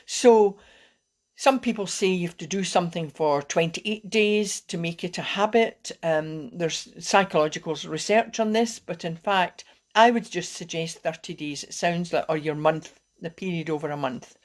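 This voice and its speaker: On a live video, a woman wellbeing coach teaches calming techniques in a gentle, encouraging manner, often restarting her sentences. Her voice is on the low side and she speaks at normal speed.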